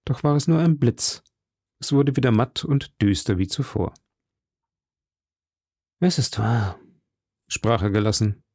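A man narrating an audiobook in a measured storytelling manner. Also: medium pitch, animated, a little mellow, dry recording, studio quality.

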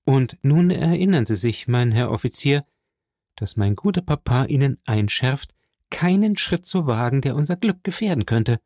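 A man voicing a gentle, anxious young woman in a storybook reading, speaking in a raised, urgent and imploring way. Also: medium pitch, expressive, moderate pace, no echo, studio quality.

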